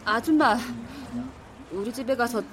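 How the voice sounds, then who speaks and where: An actress in her twenties playing a calm, matter-of-fact young neighbor. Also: on the high side, measured pace, a little hiss or hum. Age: 20s. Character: young upstairs neighbor, cool and offhand.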